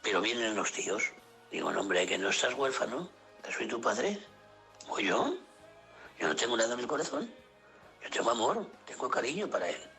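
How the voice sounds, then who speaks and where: A man preaching an emotional sermon, sinking into hushed whispers and rising into high cries. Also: expressive, normal speed, gravelly, long pauses, soft background music. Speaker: pastor.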